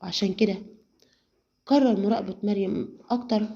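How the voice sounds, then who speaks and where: A woman with an Egyptian Arabic accent narrating a dramatic serial story in a steady way. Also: mid-range voice, a little fast, creaky. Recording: slightly muffled lo-fi audio.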